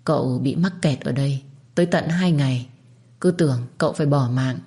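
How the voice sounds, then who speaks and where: A woman narrating a dramatic story in a steady, measured reading voice. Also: very deep voice. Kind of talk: scripted narration.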